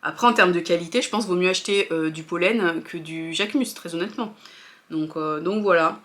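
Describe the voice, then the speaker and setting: A French fashion vlogger chats casually with her viewers, sharing opinions hesitantly with lots of fillers and restarts. Her voice sits lowish, a bit bright, and runs a little fast.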